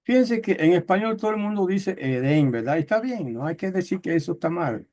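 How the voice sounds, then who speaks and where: Man teaching a slow Bible lesson. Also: high voice, lively intonation, warm tone. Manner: explanatory, with frequent fillers and checks like "¿ok?"; slow, careful reading of Hebrew text.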